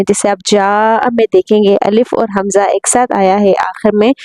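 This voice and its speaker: A woman with a slightly high, mellow voice teaches Quran recitation, patiently explaining each rule. She spells out the Arabic letters one by one and draws the syllables out in a slow, careful recitation, recorded close and dry in a quiet room. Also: no room sound, poor audio. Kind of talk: tajweed lesson, spelling out letters and reciting slowly.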